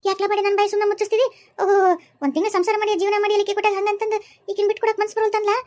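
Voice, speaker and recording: A woman's voice: very high voice, little pitch movement, very fast, a little mellow, no echo, clean studio sound. A woman voicing a bitter, wailing old mother-in-law in a cartoon, speaking North Karnataka Kannada. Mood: scolding. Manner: scolding, cursing, wailing.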